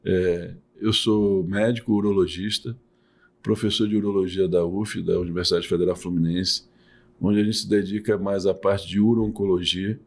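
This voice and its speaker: A man's voice: low-pitched, steady tone, moderate pace. A middle-aged man from Salvador, a urologist and professor, answering podcast interview questions in a patient, explanatory way with many restarts. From Salvador, Bahia, Brazil.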